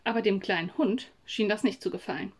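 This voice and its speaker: A woman narrating a children's story in a calm, even read-aloud manner. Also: medium pitch, brisk, breathy edge. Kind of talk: storybook reading.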